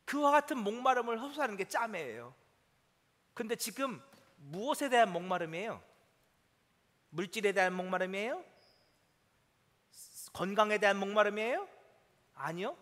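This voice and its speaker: High-pitched, lively pastor preaching in a reverberant church. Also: male voice. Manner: emotional preaching, swinging from hushed to shouting. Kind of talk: sermon. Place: church sanctuary. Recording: long church hall reverb.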